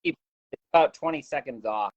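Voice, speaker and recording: A man joining a live session as a guest over a video call, talking briskly while fixing his setup, his audio dropping and swelling in volume as the connection cuts in and out. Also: medium pitch, no echo, highs cut off. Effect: uneven volume, audio cutting in and out over a laggy connection. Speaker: guest, business owner. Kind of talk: casual chat.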